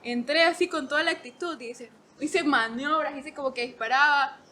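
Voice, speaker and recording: A woman in her twenties, a podcast guest, telling stories in an animated way, laughing often and acting out quotes. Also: high-pitched, moderate pace, a little hiss or hum. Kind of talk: casual storytelling.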